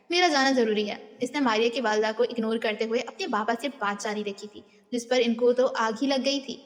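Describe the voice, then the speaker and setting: A woman reads a novel aloud, carrying both the narration and the characters' dialogue. Her voice sits fairly high, and a long reverb trails each line. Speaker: audiobook narrator.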